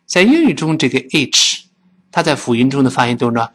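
A man teaching spoken English, drilling phrases slowly and then fast. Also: mid-range voice, big pitch swings, heavy background noise. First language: Chinese.

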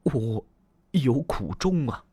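A man's voice: medium pitch, lively intonation, takes it slowly, warm tone, slightly rough, no room sound, pitched above the performer's own voice, exaggerated voice. A male storyteller voicing a lovestruck, anxious young warrior general who talks in earnest, fretful exclamations.

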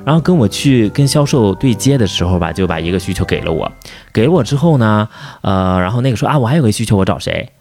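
A man rants in a fast, swearing, heated flow. His voice sits low but swings widely in pitch as his anger flares. Faint music plays behind him. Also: lively intonation, darkish tone. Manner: profane, heated, rising to outbursts. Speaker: storyteller venting about his boss. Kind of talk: casual angry rant.

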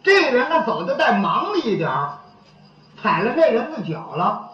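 A man telling a comic monologue, chatty and animated, acting out people quarrelling. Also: very high voice, normal speed, crowd noise. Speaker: comic storyteller. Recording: dull echoey old recording.

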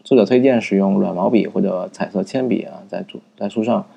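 Gravelly low man summarizing a book. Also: fairly quick, mellow, lo-fi sound. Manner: thinking aloud with many fillers and restarts. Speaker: book review narrator. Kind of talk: casual spoken book summary.

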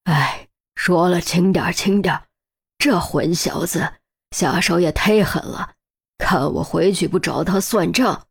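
A woman's voice: sits low, fairly even intonation, slow, creaky, darkish tone, breathy edge, exaggerated voice. Woman doing a grumbling male officer. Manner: mumbling, grumbling.

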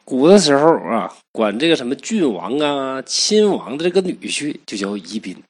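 A man's voice: mid-range voice, very animated, normal speed. A man retelling a classic tale in a chatty way, with asides to the listener. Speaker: storyteller. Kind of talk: casual storytelling.

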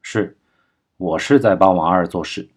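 A man reading aloud and voicing a young male gang underling who shifts between raw shouting and a subdued voice. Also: low voice, a little slow.

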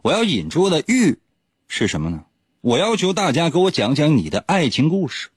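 A man's voice: fairly high pitch, sing-song, normal speed, slightly rough, dry recording. A man, a radio host telling a legend in a teasing, joking way, chuckling often. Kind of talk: joking storytelling. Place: radio studio.

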